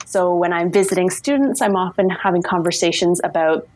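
A woman's voice: on the low side, fairly quick, a little mellow, a little hiss or hum. A woman speaking as a guest social worker on a remote call, giving earnest, articulate explanations in long, listing sentences. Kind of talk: explanatory interview answers.

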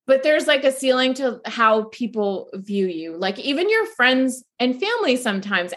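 A woman's voice: medium pitch, a bit bright. A woman, a guest author, answering in a casual interview chat with lots of "like" and "you know". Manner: chatty, many "like" and "you know" fillers.

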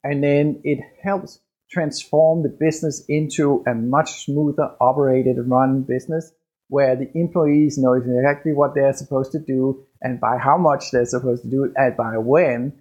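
A man with a noticeable Danish accent talks through his own business podcast, pausing and restarting as he goes. His voice sits at an ordinary pitch and carries a husky, slightly rough edge. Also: a little mellow. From Denmark. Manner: hesitant, with fillers and restarts, conversational. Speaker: podcast host and business coach. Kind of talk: solo podcast monologue.

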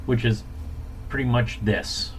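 A man hosts a casual podcast chat in a medium-pitched voice. He talks like a bartender among friends. Clear background noise sits under the recording. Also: unhurried.

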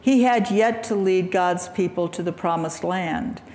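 A woman lay speaker giving an earnest sermon in a church sanctuary, with a throaty, gravelly morning voice. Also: fairly low pitch, darkish tone. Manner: measured, earnest preaching with throat clearing. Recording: echoey hall reverb, faint ambience.

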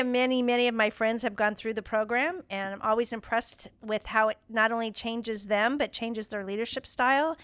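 A woman's voice: a little high, fairly bright tone, clean tone, no room sound. A woman podcast host chatting enthusiastically and promoting a program she admires. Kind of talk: casual interview chat.

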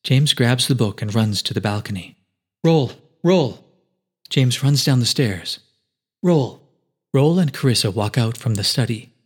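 A man narrating a fantasy adventure story in steady, dramatic scripted narration. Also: mid-range voice, moderate pace, husky. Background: faint musical score.

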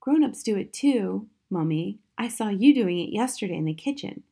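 A woman's voice: mid-range voice, lively intonation, normal speed, gravelly, dark tone, breathy edge. A woman voicing a sly little daughter in a storybook, cheeky but innocent and matter-of-fact.

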